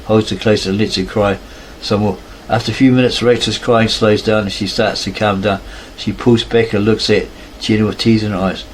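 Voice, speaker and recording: A man's voice: on the low side, fairly even intonation, moderate pace, hardly any pauses, slight background noise, low-quality recording. A man casually narrating a fan story aloud, stumbling and correcting himself at times.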